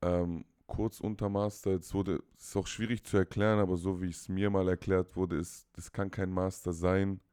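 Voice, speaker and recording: Very deep-voiced young man, rambling. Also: flat delivery, normal speed, few pauses, dark tone, smooth. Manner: rambling, repeats words, many fillers. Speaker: guest. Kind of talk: casual call-in chat.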